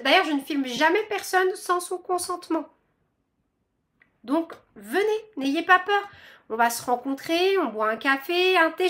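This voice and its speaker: Woman, young adult, high voice, chatty rambling vlog host. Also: a bit bright. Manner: bubbly, self-described chatterbox, lots of fillers. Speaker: crochet channel host. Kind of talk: chatty vlog talk to viewers.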